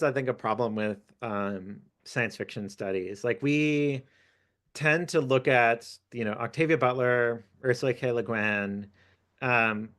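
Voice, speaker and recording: A man's voice: medium pitch, a bit bright. Thoughtful man speaking as an author. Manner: thoughtful, hesitant, many fillers. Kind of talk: academic talk.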